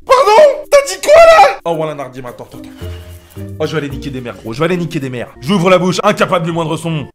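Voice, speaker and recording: A man's voice: a little high, fast talker, over music. A young man commentating a narrative game playfully, joking with heavy slang. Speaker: gaming YouTuber.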